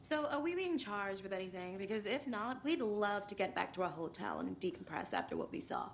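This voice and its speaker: Snarky brash lady writer, game dialogue, very animated, faint noise behind. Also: medium pitch, fairly quick. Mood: wry, defensive. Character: brash, sardonic female true-crime writer. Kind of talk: video game voice acting. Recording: faint background ambience noise.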